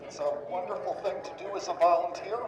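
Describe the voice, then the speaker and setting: A woman's voice: fairly low pitch, fast, crowd noise. A woman who volunteers as a scuba diver presents to visitors in a live aquarium talk, speaking from underwater. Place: underwater in aquarium tank, through diver communication system. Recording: echoey diver mask microphone, background noise.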